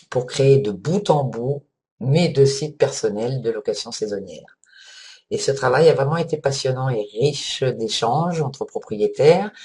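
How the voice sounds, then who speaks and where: A woman giving an earnest, enthusiastic testimonial as a holiday rental owner, pausing on fillers. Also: extremely low pitch, warm tone.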